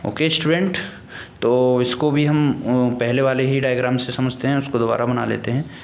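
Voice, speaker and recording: A man teaches at a board, breaking each idea into slow, deliberate steps and checking in with his students as he goes. He speaks at an ordinary middle pitch. The room gives his voice a hollow echo, with a faint hiss in the background. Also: fairly even intonation, vocal fry, darkish tone. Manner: slow and deliberate, mixes in English terms, checks in with "okay, students". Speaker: physics teacher. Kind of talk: blackboard lesson explaining step by step. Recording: echoey room with faint noise.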